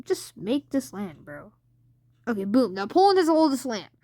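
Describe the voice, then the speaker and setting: A woman's voice: a little high, very animated, normal speed, mellow, no echo. A woman hosting a casual alternate-history map commentary, rambling with lots of fillers and unsure asides. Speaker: channel host.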